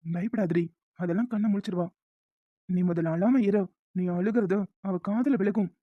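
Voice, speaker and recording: A woman's voice: medium pitch, moderate pace, no room sound, lightly acted. A woman voicing a protective, soothing husband. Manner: soothing, then curt and evasive. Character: caring protective man, the heroine's husband. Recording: dull lo-fi sound.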